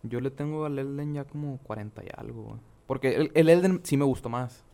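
A man's voice: medium pitch, fairly quick, creaky, dark tone, slight background noise. A young man with a northern Mexican accent co-hosting a casual video game chat, slangy and full of swearing. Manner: slangy, profane. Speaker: podcast co-host.

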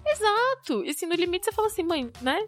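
A Brazilian woman telling a personal story in casual chat, acting out the quoted lines with lively energy. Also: very high-pitched, quick pace, faint music behind. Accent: Brazilian Portuguese. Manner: animated, acts out quoted dialogue. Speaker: storyteller guest.

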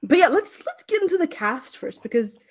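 A woman's voice: high voice, very animated, a little fast. A woman chatting casually as a podcast co-host, rambling and giggling, with lots of fillers. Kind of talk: casual chat. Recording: dull lo-fi sound.

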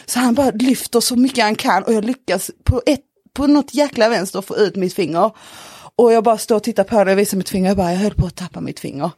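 A woman telling a story in a casual podcast chat, animated, with lots of fillers and the odd swear word. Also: medium pitch, husky, dry recording, clean studio sound.

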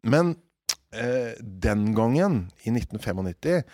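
A man, a theatre director reflecting on his work in an interview, animated and full of hesitations. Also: mid-range voice, dry recording, clean studio sound. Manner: animated, hesitant with many fillers.

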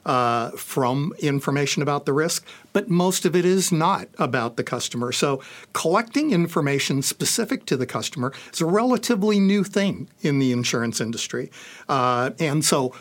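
A man's voice: on the high side, expressive, normal speed. A man speaking as a panelist in a discussion, hesitant, with many fillers and restarts. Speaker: panelist on insurance analytics.

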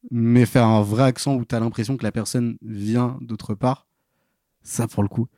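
A podcast guest in his twenties shares stories in a casual, hesitant way, full of fillers and restarts. He speaks unhurriedly with a warm, medium-pitched voice and fairly even intonation, recorded dry in a clean studio.

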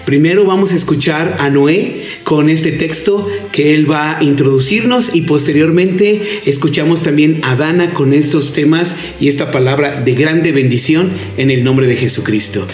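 Higher-pitched Mexican man hosting, roomy sound. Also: normal speed, few pauses. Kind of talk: devotional welcome to listeners. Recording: roomy echo. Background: faint music.

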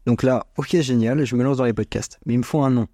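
A man's voice: medium pitch, steady tone, fairly quick, warm tone, slight background noise. A young man of about twenty hosting a podcast, delivering a scripted but chatty monologue with informal slang, recorded on a small microphone in a bedroom. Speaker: podcast host. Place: small bedroom at parents' home, dry sound. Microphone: small home microphone.

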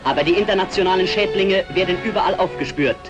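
Old newsreel announcer, man, high voice, pompous, dull lo-fi sound, loud music behind. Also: fast. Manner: declamatory, pompous. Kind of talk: 1950s propaganda newsreel narration.

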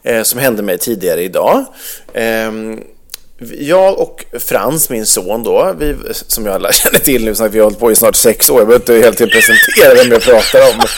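A man's voice: fairly low pitch, expressive. A middle-aged man co-hosting a podcast, telling a story in casual chat with heated, swearing outrage. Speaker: podcast co-host.

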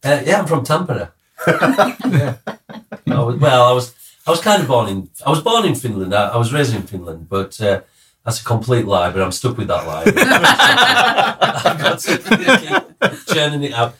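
A Cumbrian musician from the north of England rambles through stories as a guest in a casual interview, joking often and using lots of fillers. His medium-pitched voice swings widely in pitch, sounding pushed and bright; he talks a little slowly, pausing often, and sits far from the mic.

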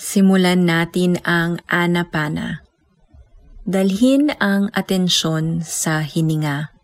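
A woman with a Filipino accent leading a guided meditation as a teacher, speaking in a calm, gentle way with unhurried pauses. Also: lowish voice, no echo, clean studio sound.

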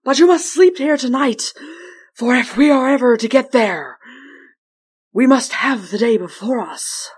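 A woman's voice: animated, measured pace, husky. Woman voicing a roaring old North Wind. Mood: weighty. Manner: booming, loud calls.

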